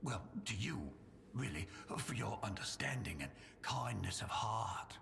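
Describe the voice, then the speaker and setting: An actor playing a humble, timid old undersea creature blacksmith in a video game, with a gruff, halting delivery. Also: male voice, on the low side, expressive, background noise, full character voice. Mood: earnest, resigned. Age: older. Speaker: blacksmith and trader character. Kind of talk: scripted video game dialogue.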